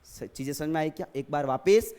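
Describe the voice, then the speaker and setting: A man's voice: a little high, a little fast, mellow, smooth. A male teacher giving a science lesson, asking questions and answering them himself while repeating key terms and addressing the students fondly. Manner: repetitive, drilling terms.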